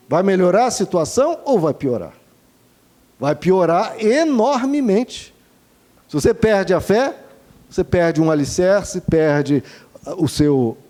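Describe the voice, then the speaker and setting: A man's voice: sits high, dark tone. A man preaching a sermon, earnest, asking rhetorical questions and addressing the congregation as dear ones. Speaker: pastor.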